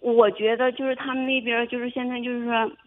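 A young woman calling in to a radio advice show, telling her story haltingly with many restarts. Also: a little high, level tone. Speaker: caller. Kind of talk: phone-in advice call. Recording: tinny phone line.

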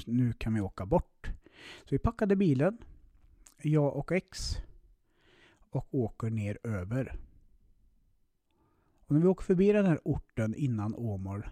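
A man's voice: mid-range voice, mellow, dry recording. A man hosting a podcast, telling a personal story in a casual way with lots of swearing, fillers and restarts. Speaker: podcast host.

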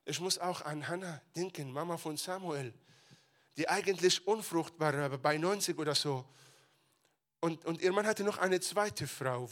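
A man preaching a sermon, dramatic, rising to near-shouted retellings and dropping to quiet asides, slipping English phrases into his German. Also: on the high side.

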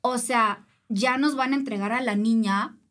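Lively Mexican woman telling a race story. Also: fairly high pitch, a little slow. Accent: Mexican Spanish. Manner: animated, acts out voices of others. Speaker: guest, triathlete. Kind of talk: casual interview storytelling.

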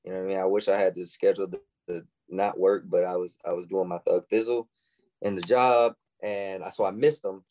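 A man's voice: sits low, fairly even intonation, a little fast, mellow, no echo, poor audio. A young man, a guest on a podcast, talking in casual chat and acting out quoted lines in shifting voices.

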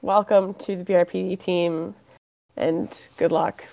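A woman's voice: fairly low pitch, fairly even intonation, measured pace, gravelly, mellow. A woman hosting a casual online community call, upbeat and playful, speaking into a computer mic.

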